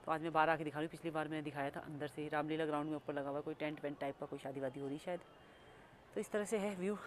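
A woman's voice: low-pitched, fairly even intonation, rapid-fire, slight background noise. A woman vlogging casually at home and outside, chatty and scolding as she rambles. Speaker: family vlogger. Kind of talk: casual vlog narration. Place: home and outdoors. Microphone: phone camera.

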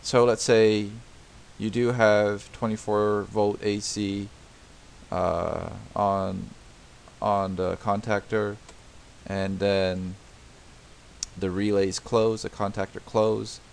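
This do-it-yourself repair tutor speaks slowly and levelly in a lowish, gravelly voice, narrating an unscripted screen recording over a diagram. He patiently explains each step, often using fillers and restarting sentences, while a faint hiss sits beneath.

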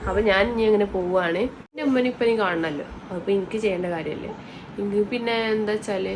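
A young woman, chatting casually to her viewers while packing up at home and riding in a car. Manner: chatty, addresses viewers directly, turns to high sing-song baby talk with her child. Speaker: vlogger. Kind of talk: casual vlog narration. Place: home and then a car on city roads. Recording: noisy phone video with background hum.

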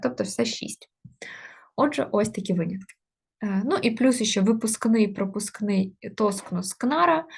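Breathy woman teaching a grammar lesson. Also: mid-range voice, darkish tone. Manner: explains step by step with many fillers. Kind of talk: exam-prep grammar lesson.

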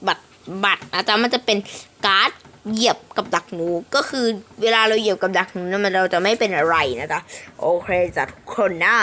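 A young woman giving playful, animated commentary while playing a mobile game, often squealing with excitement. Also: medium pitch, a little hiss or hum. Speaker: gaming streamer.

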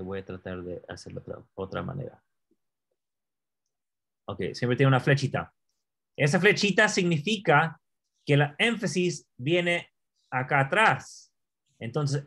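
Slow-talking man teaching a language. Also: mid-range voice, fairly bright tone. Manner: slow, repeats words, asks the learner questions. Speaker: Hebrew teacher. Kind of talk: patient classroom explanation.

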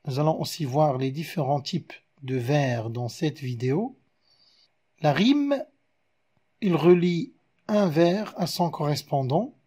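A man with a Moroccan French accent teaches a recorded lesson at an unhurried pace. His voice is slightly high, dark and a little husky. He walks through examples patiently and counts syllables aloud one by one. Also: lively intonation. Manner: slow, explains step by step with examples. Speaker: literature teacher. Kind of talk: explanatory video lesson.

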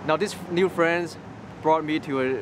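A young man from Hong Kong, a native Cantonese speaker, is interviewed on a city street in front of graffiti, giving a personal testimony. His slightly high voice keeps a steady tone at normal speed, though he restarts a lot and repeats words. Street noise and traffic run underneath.

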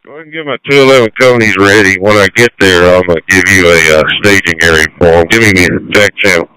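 A man's voice: sits low, quick pace, bright, forceful tone, smooth, low-quality recording. A man giving urgent, terse orders over fire department two-way radio as the incident commander.

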